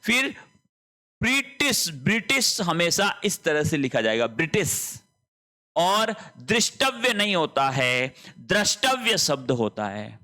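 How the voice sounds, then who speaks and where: A man teaching an online lesson, explaining slowly, repeating words and checking that students understand. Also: fairly high pitch, big pitch swings, sharp tone. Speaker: Hindi teacher. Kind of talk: online exam-prep lesson.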